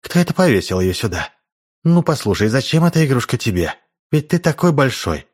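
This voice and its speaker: A man's voice: medium pitch, sing-song, fairly quick, darkish tone, husky, pitched above the performer's own voice. A man reading a stately grey-haired lady in an audiobook, speaking in a cold, lecturing manner. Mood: coaxing. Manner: indifferent, lecturing.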